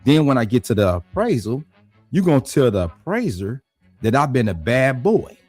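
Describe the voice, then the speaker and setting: A man hosting his own channel, talking in a blunt, combative rant, firing off repeated rhetorical questions and climbing higher in pitch as he gets worked up. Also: very animated, normal speed, darkish tone, breathy edge, faint music behind. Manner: voice rises high when worked up. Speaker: dog breeder and channel host. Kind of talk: heated casual monologue.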